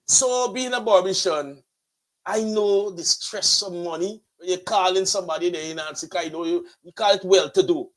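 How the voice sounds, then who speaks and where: On a low-quality recording, a high-pitched man speaks at normal speed. He's a Guyanese-accented pastor who hosts a motivational online show, delivering it like a sermon with emphatic, ornate language full of repetition.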